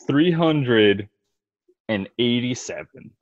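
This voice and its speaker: A man joking around with friends over a video call, with deadpan asides. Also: medium pitch, very slow, no room sound, highs cut off. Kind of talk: casual video-call chat.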